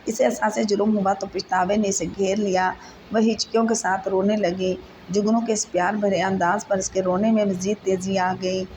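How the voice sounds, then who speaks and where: A woman narrating a serialized novel in a steady, even reading voice. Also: medium pitch, a little hiss or hum, low-quality recording. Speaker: storyteller.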